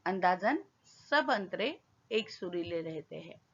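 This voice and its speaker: Casting: woman schoolteacher, slow patient explainer, muffled lo-fi sound. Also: lowish voice, expressive, fairly bright tone, husky. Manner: slow, patient classroom explaining with questions to pupils. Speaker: school teacher. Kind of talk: Hindi lesson explaining a poem. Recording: dull lo-fi recording.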